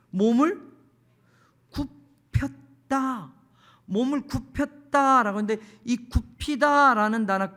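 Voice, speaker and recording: A man's voice: high-pitched, a bit bright. A man preaching a sermon at a church service. He speaks straight to the congregation and repeats phrases for emphasis. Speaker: pastor.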